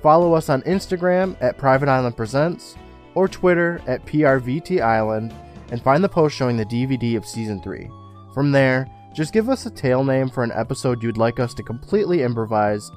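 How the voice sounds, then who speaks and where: A male podcast host in casual talk, reading show announcements and retelling scenes with lively, swinging pitch. His voice sits in a middle register. He acts out the quotes with animation.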